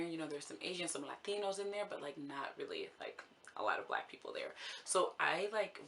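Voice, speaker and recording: A woman's voice: deep voice, vocal fry, sharp tone, slight background noise. A young American woman chatting casually to her camera, laughing often and filling her talk with "like". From United States. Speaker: vlogger.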